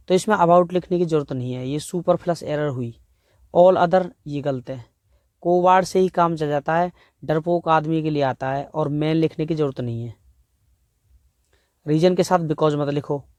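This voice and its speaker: A man with an Indian accent teaching an exam-prep grammar lesson, explaining step by step and reading example sentences slowly, word by word. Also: fairly high pitch, darkish tone, no echo, clean studio sound.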